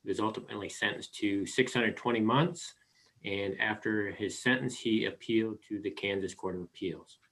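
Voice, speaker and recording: Low-voiced American man arguing formally. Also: normal speed, a bit bright, poor audio. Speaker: defense appellate attorney. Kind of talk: formal oral legal argument.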